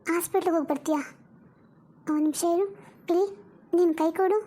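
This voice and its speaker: A woman voicing a stern older mother-in-law in an animated drama, firm and lecturing. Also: very high voice, brisk. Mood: chiding.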